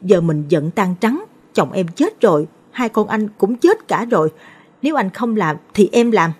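A woman's voice: mid-range voice, sing-song, a little slow, breathy edge, pitched above the performer's own voice. A woman voicing a determined widowed village woman who talks bluntly and insistently. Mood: reproachful.

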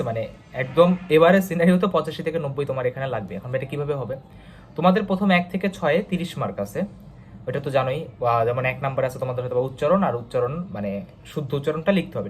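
Fast-talking, chatty young Bangladeshi tutor. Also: male voice, fairly high pitch, slight background noise. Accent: Bangladeshi Bengali. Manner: chatty, big-brother tone, calls himself bhaiya; fast, frequent "okay?" check-ins. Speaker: online tutor. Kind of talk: casual exam-prep lesson.

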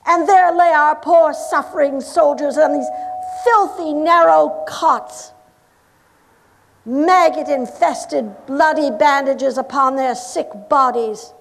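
A high-voiced, earnest 1860s lady, the wife of a governor, played by an actress in a live reenactment, recounts her cause in solemn, impassioned oratory. She speaks slowly and deliberately, stressing each grim detail. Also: creaky, full character voice. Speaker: historical reenactor. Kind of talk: first-person historical monologue.

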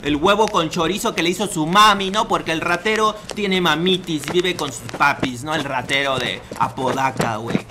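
A man's voice: fairly high pitch, moderate pace, hardly any pauses, pushed and bright, a little hiss or hum. A young man with a Mexican accent giving crude, slangy, mocking commentary on a video. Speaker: online commentator.

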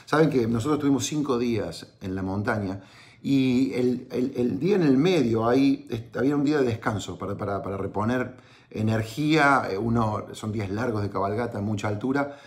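A man's voice: medium pitch, normal speed. Argentine man telling a motivational story. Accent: Argentine Spanish. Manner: conversational, with frequent tag questions and restarts. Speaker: entrepreneurship podcaster.

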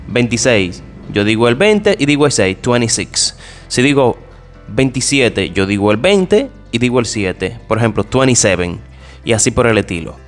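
A man teaching an English lesson in Spanish, explaining step by step and asking and answering his own questions. He talks directly to his listeners and drops to a lower, softer voice for each English example. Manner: addresses listeners directly and informally. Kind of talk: spoken language lesson.

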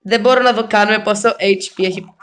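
A young man commenting on his own mobile game match, excitable and self-mocking, often throwing in English exclamations. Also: high voice, slight background noise. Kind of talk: gameplay commentary.

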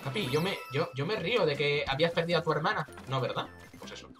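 A man's voice: a little high, expressive, fast talker, fairly bright tone, soft background music. A man with a Spain Spanish accent giving casual, jokey, exclamatory commentary while playing a video game. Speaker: let's play gamer.

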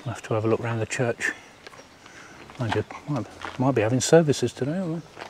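Filming on a handheld camera, an older vlogger tours a historic site, moving from outdoor village ruins into an old schoolroom while chatting casually and reading aloud. He speaks fairly quickly in a mid-range voice, and background noise comes through plainly.

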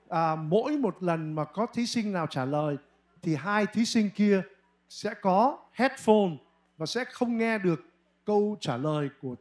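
A man co-hosting a pageant on stage, speaking formally to the audience with playful jokes. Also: high voice. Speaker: pageant co-host. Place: live event stage.

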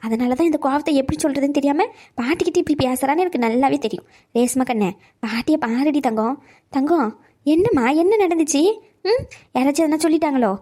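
A woman's voice: high-pitched, dark tone, lightly acted. A woman voicing a talkative elderly grandmother in a cartoon who gossips and scolds, then coaxes and pleads with her granddaughter. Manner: scolding gossip turning to coaxing pleas. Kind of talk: cartoon voice acting.

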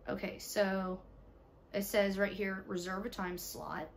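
Tired raspy-voiced mom vlogging. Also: female voice, mid-range voice, steady tone, a little slow, a little hiss or hum. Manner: chatty, talks to viewers while ordering online. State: raspy voice from allergies, stuffy nose. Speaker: vlogger, mother. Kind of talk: casual day-in-the-life vlog. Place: home, indoors.

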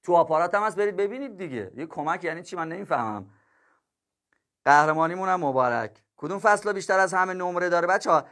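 Male math teacher on a livestream, voice a bit high, jokey and chatty with the kids. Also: animated. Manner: chatty, jokes and laughs with viewers; addresses students warmly as kids and dear ones. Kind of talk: casual livestream talk to students.

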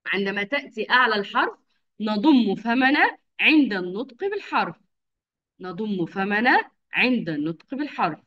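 A woman teaching young children over a video call, with patient, drawn-out enunciation and frequent praise. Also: medium pitch, very animated. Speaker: kindergarten teacher. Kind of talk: online phonics lesson for young children. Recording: dull lo-fi video call audio.

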